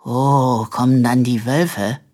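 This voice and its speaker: A reader voicing an impulsive young man with the mind of a small child, in an excitable, childish manner. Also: mid-range voice, takes it slowly, natural voice. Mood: eager. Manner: excitable, loud, childish talk. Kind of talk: audiobook character voice.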